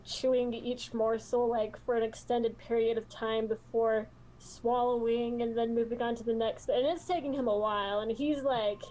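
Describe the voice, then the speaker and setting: A woman's voice: on the high side, fairly even intonation, normal speed, hardly any pauses, dark tone, poor audio. A woman playing in a tabletop game, describing her character at length with giggles. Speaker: player. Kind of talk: casual tabletop play.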